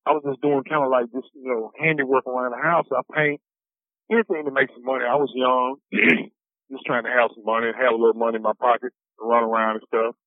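A man speaks over a thin, phone-like payphone line, his voice pinched and narrow with no room around it. He rambles softly and lets his sentences trail off, calling collect from prison. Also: medium pitch, flat delivery, a little fast, dry recording. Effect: heard over a prison payphone line. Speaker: incarcerated caller on a collect call. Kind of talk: casual phone conversation. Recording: tinny dry phone line.

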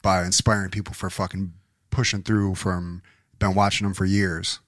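A man's voice: deep voice, level tone, normal speed, a bit bright. A man co-hosting a casual podcast, prompting the guest conversationally.

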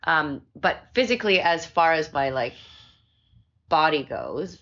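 A woman's voice: deep voice, lively intonation, a little slow, fairly bright tone, lo-fi sound. A woman hosting a casual post-race chat, rambling a little, recorded on a phone in a hotel room. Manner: rambling, with many restarts and fillers. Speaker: podcast host.

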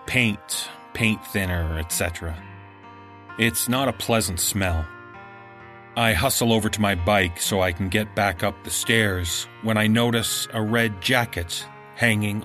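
As an audiobook narrator, a medium-pitched man reads a first-person horror story in a measured, dramatic way.

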